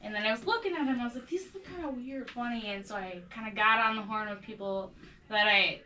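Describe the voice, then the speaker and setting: A woman's voice: medium pitch, fast talker, pushed and bright. A woman guest on a podcast, telling a story in a chatty, rambling way full of "like". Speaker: podcast guest, petition organizer. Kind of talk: casual chat, storytelling. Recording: distant from the mic, faint background noise.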